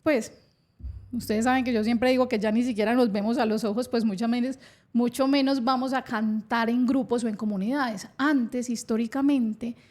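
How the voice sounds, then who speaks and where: Woman, podcast host, enthusiastic explainer, slightly high voice. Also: moderate pace. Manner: enthusiastic, lively explaining with laughs.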